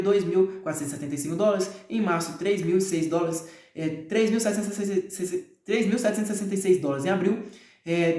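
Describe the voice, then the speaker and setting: A Brazilian man with a rather high voice reads a nonfiction book aloud in a loose, unpolished way. He recites long strings of figures and keeps stopping for hesitant fillers and crude offhand remarks. The sound bounces around an echoey room. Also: darkish tone. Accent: Brazilian Portuguese. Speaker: reader.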